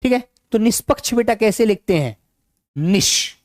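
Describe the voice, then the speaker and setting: Calm man teaching with a sore throat. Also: high-pitched, no echo, clean studio sound. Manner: calm, unhurried, affectionate to students. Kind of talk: online exam-prep class.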